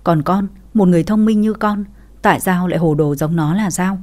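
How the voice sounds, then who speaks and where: A woman's voice: lowish voice, a little fast, warm tone, lightly acted. A woman voicing an angry, stern older father-in-law in a read-aloud story.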